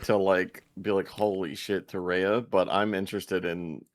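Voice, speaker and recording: A man playing in a tabletop game, chatting casually and excitedly. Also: low-pitched, measured pace, dry recording. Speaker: player.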